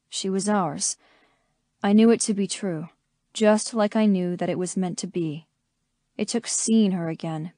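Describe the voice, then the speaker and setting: Female audiobook narrator, steady first-person read, dry studio sound. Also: medium pitch, no room sound.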